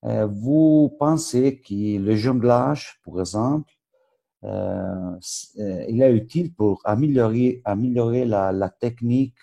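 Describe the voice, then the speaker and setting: Low, gravelly man with an Italian accent. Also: dark tone. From Switzerland. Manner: halting, searching for words in a second language. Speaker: football coach educator. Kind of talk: webinar presentation.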